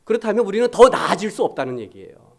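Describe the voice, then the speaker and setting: Man preaching with a lively, high-pitched voice. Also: fast talker, creaky. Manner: conversational preaching, rising and falling emphasis. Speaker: pastor. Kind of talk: sermon.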